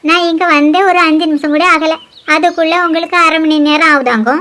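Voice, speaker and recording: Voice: high-pitched, fairly even intonation, fairly quick, pushed and bright. Someone voicing a jittery young village man. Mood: defensive. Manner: pleading, defensive.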